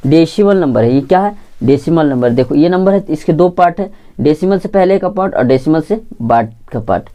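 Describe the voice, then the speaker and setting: A woman teaches an online math lesson in a low, mellow voice. She keeps asking the class questions and answering them herself, repeating key points and checking in with "theek" again and again. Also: animated, brisk. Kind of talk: online lesson for exam preparation.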